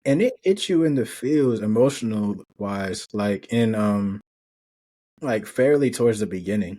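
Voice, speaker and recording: A man co-hosting a casual movie review podcast, relaxed and agreeing. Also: fairly low pitch, unhurried. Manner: relaxed, agreeing, short enthusiastic comments. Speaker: podcast co-host.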